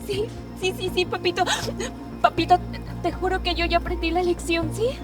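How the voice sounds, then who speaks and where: A woman's voice: very high-pitched, flat delivery, moderate pace, far from the mic, over music. An actress playing a frightened young daughter who pleads tearfully with her father. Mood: pleading. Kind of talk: telenovela-style film acting.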